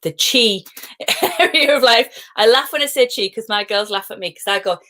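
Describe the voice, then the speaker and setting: A woman's voice: on the high side, normal speed, sharp tone. A middle-aged woman, hosting a live stream as a positivity coach, chatty and digressive with frequent laughs. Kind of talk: casual live-stream talk.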